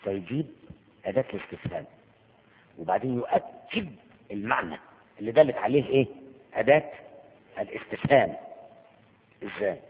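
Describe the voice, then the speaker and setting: A man's voice: fairly low pitch, expressive, a little fast, vocal fry, pauses often. A man with an Egyptian accent giving a lecture on Quranic rhetoric, asking his listeners rhetorical questions and acting out stories dramatically. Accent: Egyptian Arabic. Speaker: religious teacher. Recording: tinny phone-like sound with long hall reverb.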